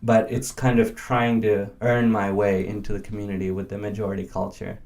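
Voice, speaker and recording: A man from India in his early thirties, with a low-pitched voice. He speaks as a guest in a casual conversation, working through his thoughts with fillers and restarts. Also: flat delivery, brisk, a little mellow. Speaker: interview guest.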